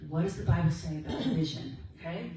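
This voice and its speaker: A woman's voice: fairly low pitch, quick pace, distant mic, a loud crowd. A woman giving a personal testimony talk to a meeting, telling her story in a chatty way and acting out the quoted exchanges. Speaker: speaker at a women's ministry meeting. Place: meeting room. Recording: echoey room, voice from afar.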